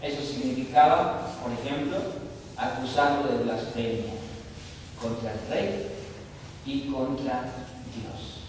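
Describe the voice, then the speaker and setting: A man with a Mexican accent preaching a sermon, slow and emphatic, asking the congregation rhetorical questions. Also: medium pitch, fairly even intonation. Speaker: pastor. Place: church sanctuary. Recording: echoey hall reverb, distant mic, faint room noise.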